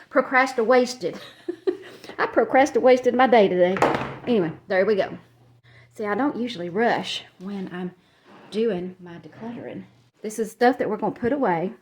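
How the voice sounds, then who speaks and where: A woman's voice: mid-range voice, slight background noise. A woman narrating a casual decluttering vlog as she walks through her home, chatty and rambling, a little out of breath, laughing at herself. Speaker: vlogger. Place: cluttered home, moving between rooms.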